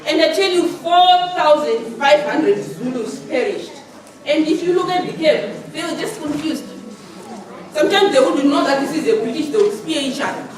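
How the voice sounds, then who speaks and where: A woman preaching a sermon in a church hall, animated and laughing often as she talks. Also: high-pitched, moderate pace, crowd noise. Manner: animated, laughing often, acting out shouted commands. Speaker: lay preacher. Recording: echoey church hall, mic far off, congregation audible.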